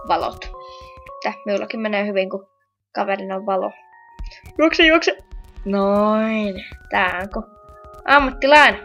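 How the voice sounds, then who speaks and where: A woman giving casual let's play commentary who turns jumpy and shrieks and yells when she gets scared. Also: medium pitch, vocal fry, lo-fi sound.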